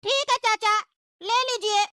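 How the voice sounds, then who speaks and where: A woman's voice: very high voice, fairly even intonation, unhurried, sharp tone, no echo, studio quality, exaggerated voice. A woman voicing a cocky, defiant male kite vendor on a train in a cartoon comedy. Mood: salesy. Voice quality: defiant, sassy.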